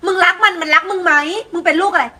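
Young woman doing a very high bright mouthy schoolgirl, cusses, argues a lot. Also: fairly even intonation, fast. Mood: argumentative. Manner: quarrelsome, coarse slang. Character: brash, swearing teenage schoolgirl. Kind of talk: amateur student drama.

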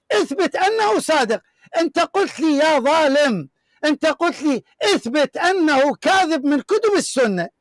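A man's voice: extremely high pitch, fairly bright tone, no echo. A man hosting a heated religious debate, reading from books in an emphatic, repetitive, declaiming way. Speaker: show host debating a caller.

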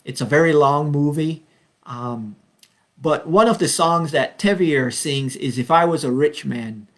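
The voice belongs to a man in his fifties from Belize, leading an informal Bible study at home through a webcam as on a video call. Pitched on the high side, he talks earnestly and without hurry, dropping frequent ums and slowing down for the verses.

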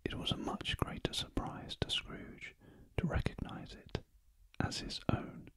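Slow, whispering British man reading a story. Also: no room sound. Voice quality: breathy unvoiced whisper. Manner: very gentle, hushed, deliberate. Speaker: audiobook narrator. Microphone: close ear-to-ear stereo microphone.

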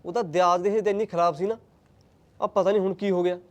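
A man's voice: high voice, fairly even intonation, fast, lightly acted. A man playing a young husband who argues with his mother, speaking in a Punjabi accent. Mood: calm. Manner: heated, arguing. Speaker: son and husband. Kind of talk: acted family drama.

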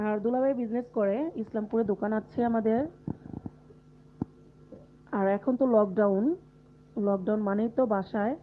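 A woman's voice: mid-range voice, steady tone, normal speed, pauses often, slight background noise. Feverish woman chatting on a tinny live stream. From Bangladesh. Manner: chatty, answers viewer comments, laughs often. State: unwell with fever and body aches. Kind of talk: casual live-stream chat with viewers. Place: closed room at home.

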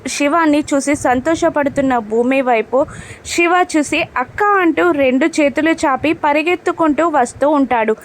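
High-voiced woman recapping a serial. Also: moderate pace. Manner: steady, descriptive retelling. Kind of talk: storytelling recap narration.

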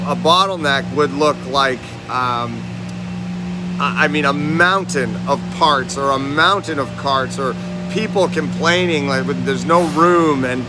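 A man in his forties walks through a factory on a phone vlog, talking straight to viewers as a lean manufacturing consultant and quizzing them with questions. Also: on the high side. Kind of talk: walking factory-tour vlog. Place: large indoor factory warehouse. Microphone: phone held at arm's length, selfie framing.

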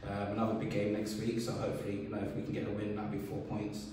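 A man, a football manager giving a relaxed post-match interview full of fillers. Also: fairly low pitch, fast talker, a little hiss or hum. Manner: relaxed, many fillers and "sort of". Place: bare indoor room by a wall, seated. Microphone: camera a few feet away. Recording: echoey room from far off.

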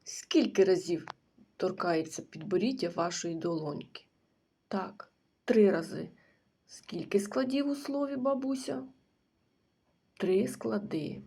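A woman teacher leads a recorded reading lesson for preschool children at a very unhurried pace, leaving pauses for their answers. Her voice carries a gravelly fry and a husky, breathy edge, and she often slips into a near-whisper. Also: mid-range voice, mellow. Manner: slow and patient, pausing for children's answers. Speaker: kindergarten teacher.

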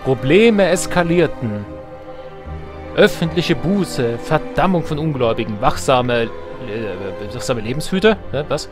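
Game music plays beneath a let's play host whose mid-range voice is expressive and a touch slow. He chats about the game, reads its text out loud, and pokes fun at himself playfully.

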